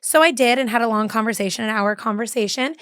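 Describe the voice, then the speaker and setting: A woman's voice: fairly high pitch, fast talker, fairly bright tone, clean tone, dry recording, clean studio sound. A woman guest, a mother, chatting casually and agreeably about her daughter. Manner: agreeable, frequent affirmations and laughs. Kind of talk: casual chat.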